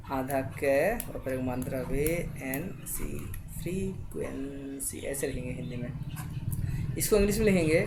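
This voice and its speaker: A woman's voice: low-pitched, darkish tone, slight background noise. A woman teaching spelling, sounding out words letter by letter and often checking in with her listeners. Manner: slow letter-by-letter spelling, checks in with "thik hai". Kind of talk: spelling lesson.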